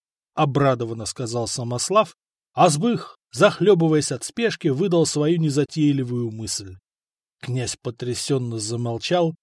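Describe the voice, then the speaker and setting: A man narrating an audiobook in a steady, wry storytelling manner. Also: a little high, no echo, studio quality. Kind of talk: scripted narration.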